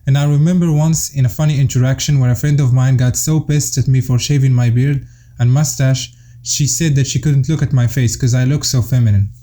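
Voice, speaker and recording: A man's voice: mid-range voice, steady tone, brisk, warm tone. A young man from Morocco giving an earnest, explanatory voice-over commentary, laying out his points in order. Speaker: YouTube commentator.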